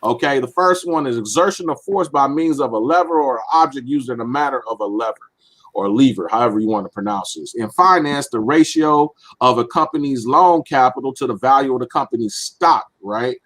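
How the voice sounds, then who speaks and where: A man's voice: mid-range voice, animated, fairly quick, a bit bright. A man co-hosting a casual political discussion, explaining definitions and voting step by step with many fillers. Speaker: podcast co-host.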